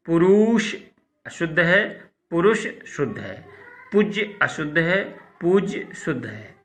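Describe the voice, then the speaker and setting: Man, school teacher, recorded online lesson, bright tone, slightly high voice, deliberate repetitive explanations. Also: creaky. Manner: slow, deliberate, repeats and contrasts words to correct pronunciation.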